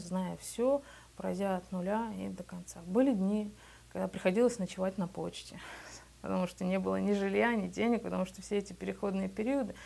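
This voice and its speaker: This woman's medium-pitched voice is husky, a bit mellow, and marked by vocal fry. In her thirties and from Belarus, she runs a business and shares her story matter-of-factly and conversationally for a documentary, seated in a small office with a lapel mic.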